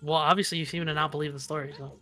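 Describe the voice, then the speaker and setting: Bright-voiced young man, crude and joking. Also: fairly high pitch, little pitch movement, rapid-fire, faint music behind. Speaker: let's play co-host. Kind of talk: casual gaming banter.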